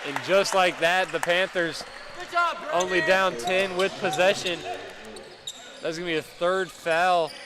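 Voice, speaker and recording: A young man calling live high school basketball play-by-play, with quick calls that rise when big plays happen. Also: fairly even intonation. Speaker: play-by-play commentator. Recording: noisy gym ambience. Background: gym crowd and bouncing basketballs.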